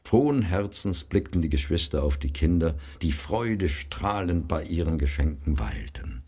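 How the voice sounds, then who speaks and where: A man reading a story aloud in a measured, solemn way. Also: very deep voice, expressive, warm tone, breathy edge. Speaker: narrator.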